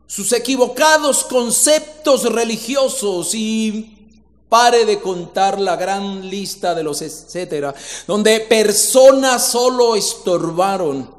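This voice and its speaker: A man preaching a sermon as pastor, asking rhetorical questions and repeating phrases for emphasis. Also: sits high. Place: church hall. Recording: long reverb in a church hall.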